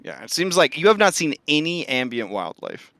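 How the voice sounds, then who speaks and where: A man's voice: on the high side, sing-song, moderate pace, sharp tone, dry recording. A man running a tabletop roleplaying game as game master, thinking aloud as he answers players.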